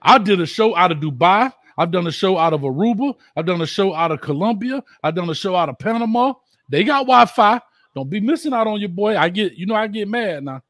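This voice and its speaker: Host man, high voice, bluntly teasing and slangy on a sports show, dry mic. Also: animated, fairly quick, fairly bright tone, dry recording. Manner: blunt, slangy, teasing, reads viewer comments aloud. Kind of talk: casual sports talk show.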